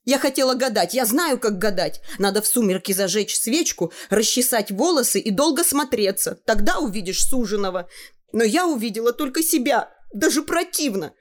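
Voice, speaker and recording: A woman's voice: a little high, animated, voice pushed up, lightly acted. Woman voicing a pert, sulky teenage girl. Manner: quick retorts, pert and sulky. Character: sharp-tongued teenage girl, stubborn and dramatic. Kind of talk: audiobook character reading.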